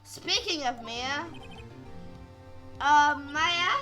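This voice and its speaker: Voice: sits high, lively intonation, drawn-out words, sharp tone, faint music behind, full character voice. A player voicing an earnest young defense lawyer.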